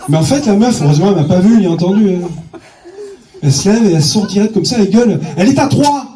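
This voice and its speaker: Male stand-up comic, bawdy punchy storytelling, high voice with wild swings, echoey venue, distant mic. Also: expressive, fast, mellow. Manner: bawdy, punchy delivery with sudden voice jumps. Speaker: stand-up comedian. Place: comedy stage.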